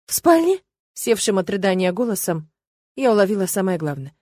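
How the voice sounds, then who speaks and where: A woman narrates a first-person audiobook, steady and expressive, at a middle pitch. The recording is close and dry, with no room sound. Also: a little fast, dry recording.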